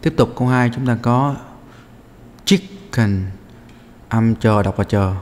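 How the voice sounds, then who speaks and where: A man's voice: mid-range voice, slow pace, a little mellow, long reverb tail. A male English teacher going through a practice test answer by answer, explaining step by step with many hesitant fillers. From Vietnam.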